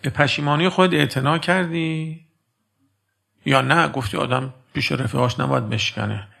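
A man with a voice on the high side and some vocal fry preaches a sermon. He tells a story, calls his listeners dear friends, and shifts between hushed and emphatic delivery.

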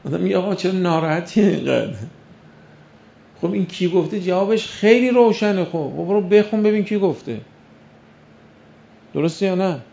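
A man's voice: high voice, animated, vocal fry, long pauses, mellow. A man preaching a sermon who keeps firing rhetorical questions at the audience and acts out the voices of imagined doubters. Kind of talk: religious sermon. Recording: dull lo-fi recording.

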